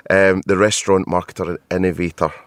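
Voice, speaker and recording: A man's voice: low-pitched, little pitch movement, fast talker, smooth, dry recording, clean studio sound. A man with a Scottish accent hosting a marketing podcast, chatty and self-deprecating, laughing often. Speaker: podcast host. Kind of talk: casual podcast chat. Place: hotel.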